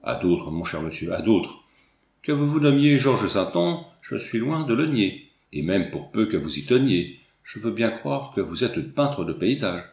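A man's voice: lowish voice, darkish tone, reverberant. A man voicing a small, fat, fussy landowner who laments and coaxes theatrically, in a storybook reading.

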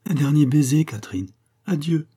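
A man's voice: a little high, moderate pace, warm tone, breathy edge, voice pushed up. A man reading an audiobook who voices a young nobleman, earnest and solemn, torn between love and duty.

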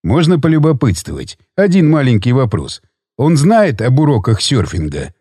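A man voicing a vengeful young male surfer in an audiobook, with a taunting, drawling delivery in a deeper voice than his narration. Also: huge pitch swings, moderate pace, mellow, slightly rough, dry recording, clean studio sound. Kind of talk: audiobook character reading.

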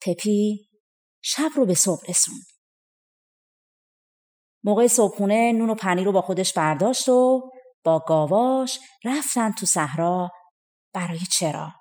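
A woman reading a folk tale audiobook in a gentle storytelling manner. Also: medium pitch, long pauses. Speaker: audiobook reader.

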